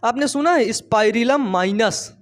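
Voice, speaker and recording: A man's voice: extremely high pitch, a little slow. A man teaching biology in a playful storytelling way, asking his students questions and repeating the key terms. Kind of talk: storytelling classroom lecture.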